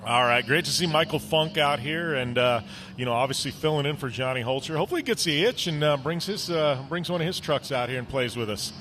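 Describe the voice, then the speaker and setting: High-voiced man calling a race. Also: a little fast, background noise. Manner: excitable, rises sharply during close racing. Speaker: play-by-play commentator. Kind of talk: live race commentary.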